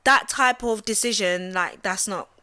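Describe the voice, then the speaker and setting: A young woman raised in the Midlands, born in Central West Africa, arguing her view in a casual debate, talking in quick bursts with many fillers. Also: mid-range voice. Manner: animated, many fillers, often asks "do you get what I mean". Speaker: channel host.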